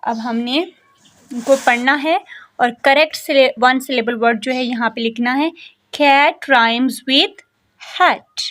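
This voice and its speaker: A woman teacher with a Pakistani accent is giving a textbook lesson. Her voice sits high, and she reads each English line in a slow, careful way. Then she explains it more quickly. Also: fairly even intonation.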